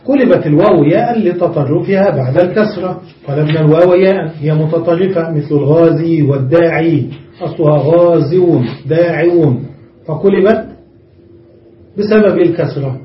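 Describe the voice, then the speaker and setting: A man's voice: a little high, moderate pace, slight background noise. A man teaching an Arabic grammar lesson, explaining each step and checking that his students follow. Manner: explains step by step, often checks understanding with the class. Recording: roomy, muffled recording from a distance.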